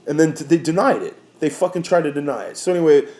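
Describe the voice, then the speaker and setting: Profane, fuming rideshare driver ranting. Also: male voice, fairly high pitch, lively intonation, fast, a little mellow. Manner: profane, heated and indignant, frequent sighs; rambling with many restarts. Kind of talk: casual storytelling rant.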